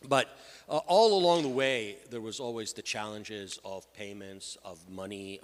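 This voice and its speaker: A middle-aged Lebanese payments executive sits on a conference panel, recounting his own story in a large hall. His voice is lowish and a bit bright, carried through a PA with plenty of reverb.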